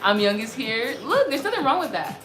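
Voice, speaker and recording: A roughly thirty-year-old woman with a fairly high, sing-song voice speaks a little fast while hosting a livestream. She casually reads and responds to comments with earnest enthusiasm and frequent repetition. The audio is echoey, with music in the background.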